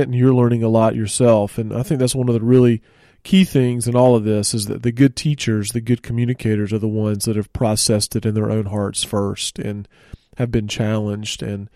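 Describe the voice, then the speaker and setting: Man, church podcast host, casual and conversational, mellow voice, dry studio sound. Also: on the low side, no room sound. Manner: relaxed, conversational, frequent fillers.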